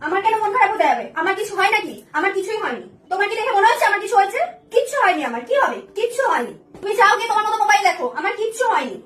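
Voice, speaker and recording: A woman's voice: extremely high pitch, sing-song, racing, a bit bright, distant mic, heavily acted. A woman playing a sulking, touchy young wife who complains and pities herself in a comic sketch. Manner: huffy, complaining, melodramatic. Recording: echoey room, off mic, background noise.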